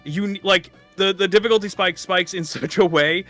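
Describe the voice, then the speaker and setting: A man's voice: high-pitched, normal speed, a bit bright, soft background music. A man chatting as a streamer guest in a casual interview, rambling with lots of fillers, laughing and swearing.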